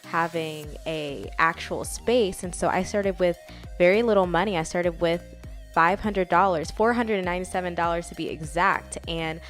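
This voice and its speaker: A woman's voice: lowish voice, normal speed. A young woman, a mobile massage therapist, chatting upbeat to viewers in a casual vlog and calling them y'all. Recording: distant mic with background music.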